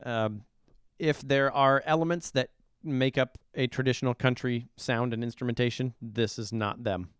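A man's voice: mid-range voice, steady tone, moderate pace, clear, resonant tone, no echo, studio quality. A middle-aged man co-hosting a podcast, giving blunt, opinionated song reviews in casual chat. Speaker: podcast co-host reviewing songs.

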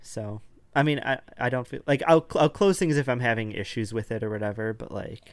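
A man's voice: medium pitch, brisk, dry recording. A man co-hosting a casual online chat show, talking loosely with many fillers and restarts. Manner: hedging, lots of "like" and restarts. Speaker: podcast co-host. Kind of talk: casual chat over voice call.

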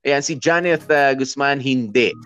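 A man's voice: medium pitch, unhurried, fairly bright tone, clean tone, dry recording. A man hosting an advice show, chatting casually and reading listener comments aloud, with lots of filler sounds and English mixed in, nursing a sore throat. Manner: chatty, filler-heavy, mixes English into Tagalog. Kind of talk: casual chat.

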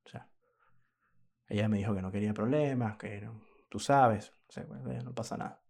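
A man's voice: lowish voice, moderate pace, gravelly, a little mellow, slightly rough. A man hosting a podcast, telling a story in a casual monologue, indignant and moralizing, throwing rhetorical questions at his listeners. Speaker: podcast host.

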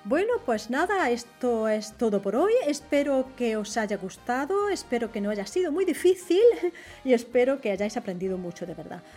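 A woman hosting a podcast language lesson. She spells out words and repeats example phrases slowly and carefully. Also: on the high side, very animated, darkish tone, faint music behind. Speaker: language teacher, podcast host.

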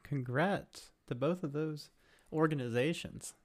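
A man's voice: on the high side, unhurried. A man co-hosting a casual podcast in a laid-back way, often answering with short agreements. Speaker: podcast co-host.

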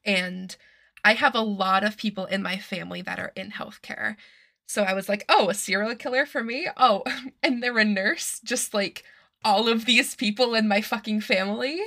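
Her voice is medium-pitched, gravelly, pushed and bright, moving at an ordinary pace. The speaker, a young Massachusetts woman, hosts a relaxed true-crime podcast where she chats and swears freely, her tone still a bit nasal and strained from sickness.

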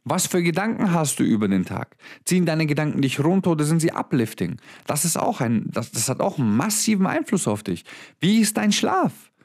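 A man's voice: a little high, gravelly, a little mellow. A young man giving a blunt motivational monologue straight to the listener, swearing freely and mixing English words into his German. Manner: emphatic, addresses listener directly. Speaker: motivational speaker.

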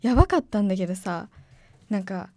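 Young woman student host, casual chatty radio talk, medium pitch, dry studio mic. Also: a little fast, no echo. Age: young adult. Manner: chatty, excitable, informal.

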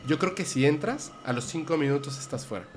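A man's voice: on the high side, a little fast, slight background noise. Mexican man telling a story, casual. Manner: animated storyteller, quotes friends. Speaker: podcast host. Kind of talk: casual chat.

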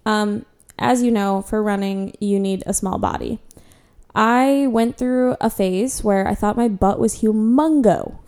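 A woman's voice: mid-range voice, slow pace, darkish tone, clear, resonant tone. A young woman in her twenties casually telling her own story in a candid, self-deprecating way, with lots of "like" fillers. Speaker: vlogger.

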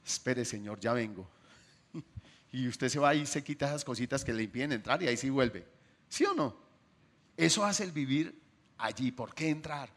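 Preaching to his congregation, a man with a voice on the high side asks them questions. His delivery alternates between loud outbursts and quiet, stretched-out lines.

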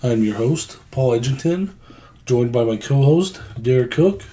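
A man hosting a casual sports podcast, with a raspy voice that sounds under the weather. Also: medium pitch, lively intonation, a little slow, warm tone. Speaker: podcast host.

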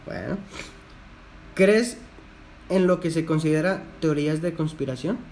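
A man's voice: a little high, measured pace, darkish tone, a little hiss or hum. A young man with a Mexican accent who reads quiz questions aloud and teases his friend about the answers. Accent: Mexican Spanish. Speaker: quiz reader. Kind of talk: casual chat.

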